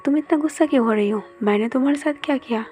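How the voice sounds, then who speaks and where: A woman's voice: high voice, very fast, darkish tone, faint music behind, close to an everyday voice. A woman voicing a weary vampire husband. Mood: hurt. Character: tired male vampire husband. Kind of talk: storytelling in Hindi.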